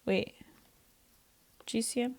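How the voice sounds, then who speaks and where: A young woman teaching an online math lesson, chatty and self-deprecating as she thinks aloud. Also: takes it slowly.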